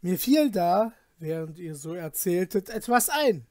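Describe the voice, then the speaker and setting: A man's voice: high-pitched, sing-song, measured pace, no echo, clean studio sound. A man voicing a composed young student who speaks up among travellers at an inn, in a storybook reading. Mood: eager. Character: young male student, calm and clever.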